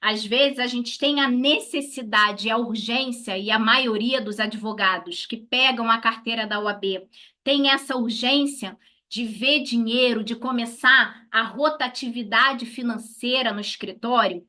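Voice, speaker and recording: A Brazilian lawyer teaches a class to colleagues, posing questions and then answering them herself in a didactic instructional talk. Her voice is on the high side, sharp in tone, and measured in pace.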